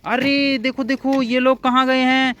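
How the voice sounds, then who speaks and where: A woman's voice: high-pitched, little pitch movement, unhurried, a bit bright, slight background noise. A woman narrating a toy play video, exclaiming to viewers and soothing the toys.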